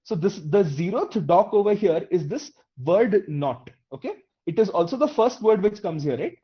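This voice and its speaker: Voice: mid-range voice, animated, normal speed. An instructor teaching a live online coding class, explaining step by step, putting questions to the class and often checking in with "okay?" and "right?". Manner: addresses the class directly with questions. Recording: dull, muffled lo-fi audio.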